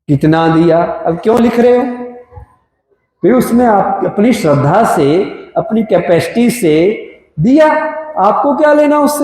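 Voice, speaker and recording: High-voiced man giving a spiritual talk. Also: warm tone. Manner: asks the crowd questions, Hinglish mix. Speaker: spiritual speaker. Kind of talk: spiritual talk to a live audience. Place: large hall. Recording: echoey hall from afar.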